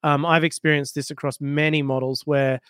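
A man co-hosting a tech podcast, chatting casually and laughing easily. His voice is smooth and resonant and sits a little high for a man. The sound is close and dry, with no room around it. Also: dry recording. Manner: animated, quick to laugh. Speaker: podcast co-host.

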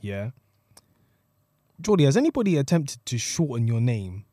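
A man's voice: mid-range voice, sing-song, moderate pace, mellow, no echo, clean studio sound. A man co-hosting a casual podcast, repeating phrases for emphasis. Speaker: podcast co-host. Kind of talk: casual group podcast chat.

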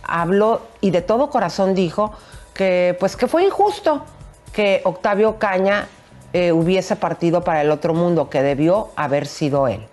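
A woman co-hosts an entertainment gossip show in a fairly low voice. She chats casually and speaks straight to the viewers. She trades remarks easily with her co-host. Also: animated, normal speed, darkish tone, faint music behind. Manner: chatty, addresses audience as comadres.

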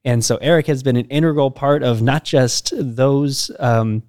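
A man hosting a church podcast interview, upbeat and a little halting, with fillers and restarts. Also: mid-range voice, a little mellow, no echo, studio quality. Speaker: podcast host.

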